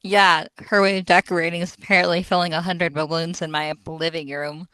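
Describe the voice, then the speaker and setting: A woman's voice: lowish voice, level tone, fairly quick, sharp tone, clean tone, no echo, low-quality recording. A young woman co-hosting a podcast, who sounds tired after a long day, yawning and giggling through casual chat. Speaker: podcast co-host.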